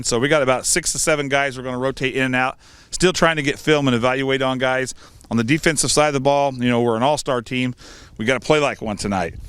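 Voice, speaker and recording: American coach talking through a face mask. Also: male voice, medium pitch, a bit bright, smooth, dry recording. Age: middle-aged. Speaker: high school football coach. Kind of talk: pregame interview answers.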